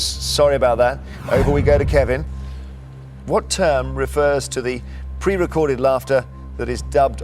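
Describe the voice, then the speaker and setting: A man hosts a television quiz, his voice sitting at an ordinary middle pitch. He delivers the script with measured, emphatic pacing, leaning on key phrases and reading out multiple-choice answers. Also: darkish tone. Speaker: quiz show host. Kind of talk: scripted game show presenting.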